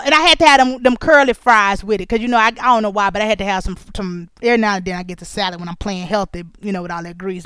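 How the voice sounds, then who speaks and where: Female host, high ringing voice, chatty colloquial storyteller, dry close sound. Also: clean tone, no echo. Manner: chatty, nosy and animated, talking straight to listeners; colloquial, drawn-out asides and repeated phrases. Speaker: podcast host. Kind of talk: casual storytelling monologue.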